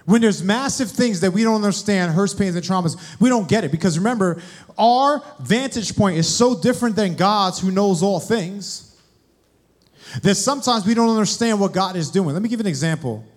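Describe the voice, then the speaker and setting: A man's voice: high-pitched, expressive, moderate pace. A young man preaching a sermon, addressing the congregation directly with questions. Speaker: guest preacher.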